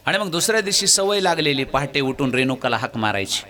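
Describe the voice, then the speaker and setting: A man preaching a devotional storytelling sermon, animated and often putting questions to his listeners. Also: mid-range voice, fast. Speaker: kirtan preacher.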